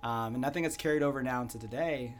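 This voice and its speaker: Young american guy, thoughtful, lots of "you know", middle pitch. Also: fast talker, a crowd in the background. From United States. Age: young adult. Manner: earnest, reflective, many "you know" fillers. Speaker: guest entrepreneur. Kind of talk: casual interview answers.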